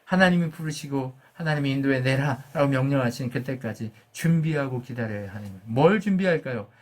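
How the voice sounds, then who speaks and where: A man's voice: mid-range voice, fairly quick. A man preaching a sermon as a pastor. He asks the congregation questions, answers them himself, and acts out God's words with rising force.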